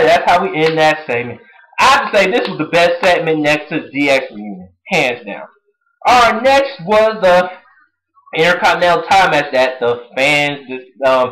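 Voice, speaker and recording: A wrestling show reviewer recapping an episode in a casual vlog, excitable and full of fan slang. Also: mid-range voice, rough recording. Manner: excitable, breaks into song and impressions.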